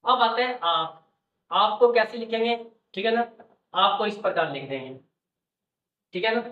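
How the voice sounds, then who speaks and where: A man's voice: sits high, animated, normal speed, distant mic. A man teaching shorthand at an easy pace, patiently walking through each sign and checking in with the viewer again and again. He sits back from the mic in an echoey room, and the sound comes through dull and muffled. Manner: patient, repeats "okay" and "look carefully" often. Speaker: stenography teacher. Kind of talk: classroom-style explanation.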